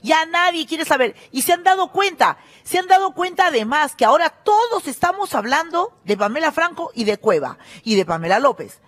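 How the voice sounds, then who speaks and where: Animated, scornful woman host. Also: high-pitched, moderate pace, hardly any pauses. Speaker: TV show host. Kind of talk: gossip show commentary.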